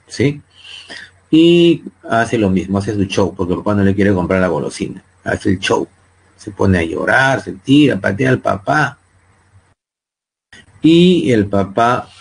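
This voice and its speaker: A man's voice: on the low side, vocal fry, darkish tone, slightly rough. A man with a Peruvian Spanish accent teaching a psychology class to students online, often checking in with them by asking "¿sí?". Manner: asks students frequent tag questions.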